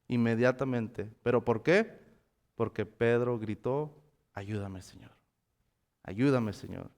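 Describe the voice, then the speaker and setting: A man's voice: mid-range voice, smooth. A man preaching a sermon in a church, reading scripture dramatically and asking the congregation rhetorical questions. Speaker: pastor. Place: church sanctuary.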